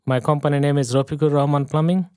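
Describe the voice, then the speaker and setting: A man's voice: a little high, steady tone, fast talker, darkish tone, smooth, no room sound, studio quality. A middle-aged man from Bangladesh, a plumber and investor, telling his story in earnest broken English as a podcast guest. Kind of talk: casual interview chat.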